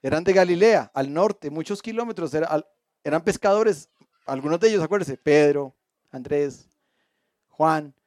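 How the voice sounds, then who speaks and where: A man with a high-pitched voice leads a church Bible study, recorded close and dry. He keeps checking in with his listeners through questions as he reads and explains, and he slips in playful jokes. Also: animated, moderate pace, a little mellow, no echo. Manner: asks the audience frequent questions; reads a passage aloud and stops to explain.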